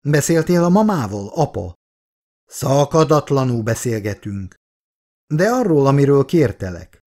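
A brusque grown son talks bluntly and gruffly to his family, as a man reads him. The audiobook reading keeps his pitch moving. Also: sing-song, mellow.

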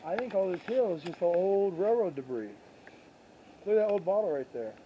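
A man's voice: sits high, lively intonation, brisk, muffled recording. A man chatting casually while exploring old railroad tracks outdoors at night, musing aloud with curiosity. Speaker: urban explorer. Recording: loud outdoor noise, camera mic.

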